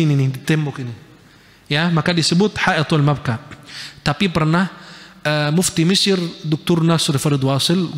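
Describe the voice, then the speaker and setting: A man with a fairly high voice gives a casual religious lecture in a lively, joking way. He points at pictures as he talks, and his words ring out with a long reverb from a large hall. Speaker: Islamic preacher.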